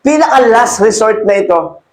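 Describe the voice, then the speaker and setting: Male pastor, high tenor voice, sermon in an echoey church hall. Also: lively intonation. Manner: mixes Tagalog and English, reads Bible verses slowly; rises and grows louder when exhorting.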